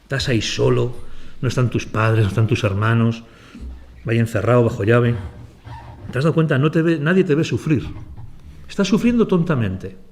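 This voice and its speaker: A man's voice: medium pitch, normal speed, long pauses, a little mellow, lightly acted. A nagging inner voice that keeps repeating its coaxing questions. It is insistent and wheedling, as a man quotes it in the middle of a talk. It sounds close to his own everyday speaking voice. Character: nagging inner voice of a lonely boy.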